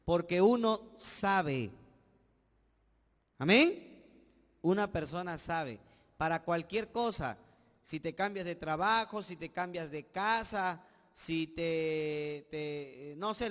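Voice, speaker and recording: A man with a Peruvian accent, a pastor preaching a sermon, swelling loud on key words and dropping low at the ends of phrases. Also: in a large hall. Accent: Peruvian Spanish. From Peru. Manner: preaching with call-and-response asides, swelling and dropping volume.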